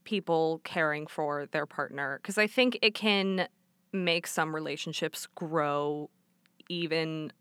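A young woman hosts a casual solo podcast, talking in a loose, rambling way that keeps breaking off and circling back. Her voice is bright and a little low-pitched for a woman. It is recorded close and dry, with no room sound. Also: clear, resonant tone, dry recording. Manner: rambling, self-interrupting, laughs often. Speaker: podcast host.

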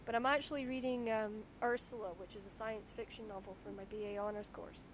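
A woman with a Shetland accent chats in a casual interview, candid and full of anecdote. Her voice sits at a medium pitch. There is some background noise with a low rumble on the recording. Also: fairly even intonation, brisk. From Shetland, Scotland.

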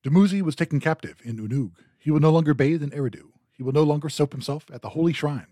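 A man's voice: a little high, fast talker, warm tone, dry recording. A man hosting a history podcast, explaining and retelling a myth with dry humor. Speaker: podcast host.

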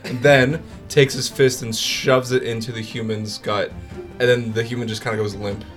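A man's voice: medium pitch, fairly even intonation, moderate pace, a bit bright, faint music behind. A man narrating a tabletop game as game master, casual and full of restarts. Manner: casual, with fillers and repeats.

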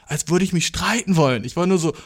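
A young man telling a funny story casually, animated, swearing a lot and mixing in English slang. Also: fairly high pitch, fast.

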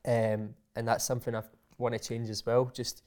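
This man speaks at a medium pitch and normal speed, his level tone slightly mellow and clean. He's a guest in a casual interview, an aspiring motivational speaker who hesitates a lot and repeats words as he restarts sentences.

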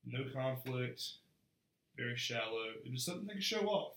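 Young male co-host, earnest and frank, middle pitch, echoey room. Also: animated, normal speed, fairly bright tone. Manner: earnest, frank, repeats words when starting sentences. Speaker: podcast co-host. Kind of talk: casual faith podcast chat.

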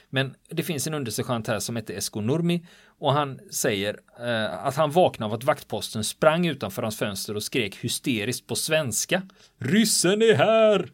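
A man's voice: mid-range voice, no room sound. Man animatedly retelling a wartime story. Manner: animated, vivid retelling with quoted dialogue. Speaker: storyteller recounting wartime history. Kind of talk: casual spoken history telling. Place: on the island where the events happened.

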